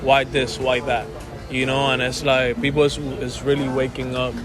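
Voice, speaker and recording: Over music, a young man from Cuba speaks at medium pitch and a moderate pace with a level tone. He's a musician guesting on a casual interview, full of rambling restarts and frequently addressing the host as bro.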